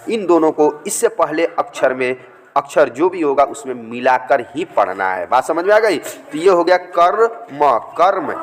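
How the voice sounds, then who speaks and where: A man teaching a reading lesson, patiently repeating words and sounding out syllables slowly. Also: on the high side, long reverb tail.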